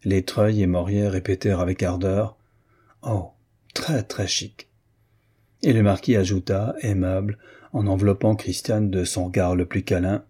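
A man reading a novel aloud in a measured, literary way. His voice is low and mellow, with a husky grain. The delivery is steady and unhurried. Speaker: narrator. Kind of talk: audiobook narration.

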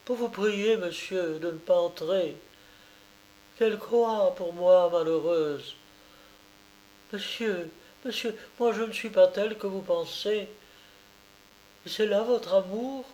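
A man's voice: sits high, measured pace, a little mellow, voice pushed up. A man reading aloud as a poor peasant mother, tearful, pleading and indignant. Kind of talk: audiobook character reading.

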